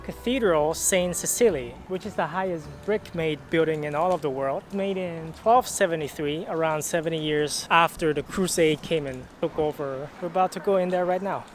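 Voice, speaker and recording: A man's voice: on the high side, moderate pace, hardly any pauses, faint music behind. Chatty young man vlogging. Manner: chatty, explanatory tour-guide delivery. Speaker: travel vlogger. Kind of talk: casual travel vlog narration.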